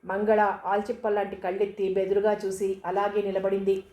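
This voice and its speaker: A woman's voice: mid-range voice, completely flat delivery, a little fast, warm tone, reverberant. A woman narrating a novel, acting out the characters' lines as she reads. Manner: voices the dialogue of the characters. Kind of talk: novel reading.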